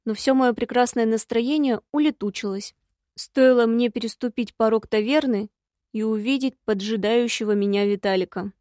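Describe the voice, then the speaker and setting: A woman reading a first-person audiobook, telling the story in a lively way. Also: a little high, moderate pace, no room sound, studio quality. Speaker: audiobook narrator.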